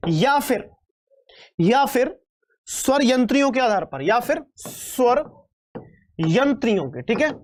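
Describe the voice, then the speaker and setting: A man's voice: extremely high pitch, very animated, takes it slowly, long pauses. A man teaching an online exam-prep grammar class, chatty and joking, calling students beta and repeating terms back as questions. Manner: playful and chatty, calls students beta, throws in jokes; repeats terms and quizzes the viewers. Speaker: Hindi teacher.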